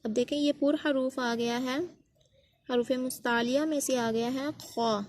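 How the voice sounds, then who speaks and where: A woman's voice: high-pitched, fairly even intonation, a little slow, darkish tone. A woman teaching Quran letter pronunciation, speaking patiently step by step and repeating each sound as a model for learners.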